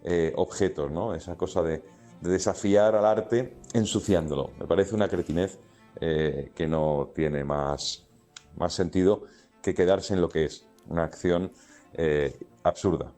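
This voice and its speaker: Dismissive man with a dark, deep voice. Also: faint music behind. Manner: dismissive, halting. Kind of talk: interview clip.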